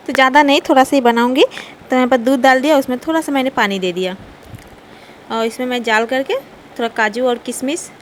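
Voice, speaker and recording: A woman's voice: on the high side, a little hiss or hum. A young woman, talking through her day and cooking in a casual home vlog, chatty and often laughing. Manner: chatty, laughs while telling. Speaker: vlogger. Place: home kitchen.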